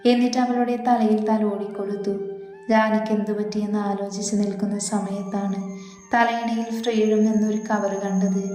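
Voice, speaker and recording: Soft-voiced woman reading a story. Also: mid-range voice. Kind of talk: read-aloud romance story narration. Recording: echoey reverberant room with faint music.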